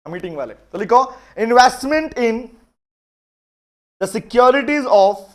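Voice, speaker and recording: A man teaching a live online law lecture, joking with his students and dictating definitions slowly, word by word. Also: extremely high pitch, expressive. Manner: playful, teasing, calls students 'beta'.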